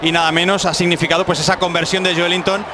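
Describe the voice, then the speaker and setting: A man's voice: high-pitched, little pitch movement, fast talker. A man from giving analytical co-commentary on a football match. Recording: noisy stadium sound behind the voice. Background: stadium noise.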